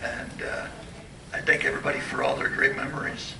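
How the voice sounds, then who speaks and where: A man in the audience asking a question and thanking the panel, halting and jokey. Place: convention hall. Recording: echoey hall, speaking from far off, noisy.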